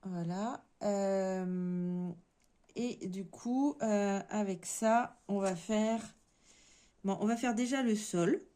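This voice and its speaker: A woman's voice: medium pitch, very slow, mellow. A woman with a French accent hosting a casual coloring-along, chatting and thinking aloud as she works. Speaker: coloring channel host.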